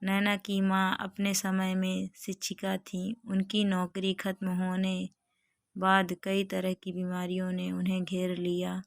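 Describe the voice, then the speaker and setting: A woman narrating a moral story in a measured, monotone reading style. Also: mid-range voice, creaky, dry recording, clean studio sound.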